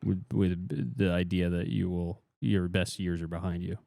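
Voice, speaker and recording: A young man co-hosting a podcast, joking in a deadpan way and swearing casually. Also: sits low, normal speed, vocal fry, no echo. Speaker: podcast co-host. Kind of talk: casual banter.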